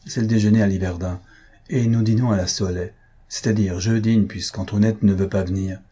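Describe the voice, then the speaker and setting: A man reading aloud, voicing a young husband who answers lightly and evasively, with a low, husky voice. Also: fairly even intonation, a little fast, warm tone. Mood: defensive. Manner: lightly defensive.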